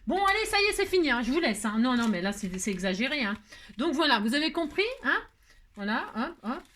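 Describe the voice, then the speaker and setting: A woman's voice: sits high, a little fast, slight background noise. Chatty French woman crafting aloud. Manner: chatty, talks to herself while working, hums little nonsense tunes; expressive, scolds herself when upset. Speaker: crafting tutorial host. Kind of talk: casual live crafting chat.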